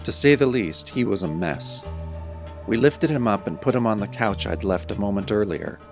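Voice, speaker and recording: A man with a fairly low voice and lively intonation plays a brooding young werewolf narrating his own tale, wry and dramatic like an old radio show. He speaks at normal speed, with music playing in the background.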